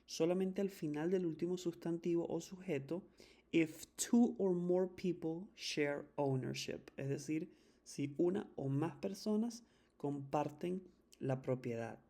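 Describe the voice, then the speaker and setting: A teacher giving an English grammar lesson in Spanish, patiently repeating each rule and slowly drawing out the example words. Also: mid-range voice, creaky, mellow.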